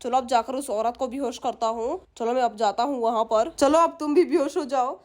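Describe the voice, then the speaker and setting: A woman's voice: high-pitched, normal speed, a little mellow, pitched below the performer's own voice, natural voice. A woman voicing a scheming village thief. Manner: muttering schemes to himself, gloating.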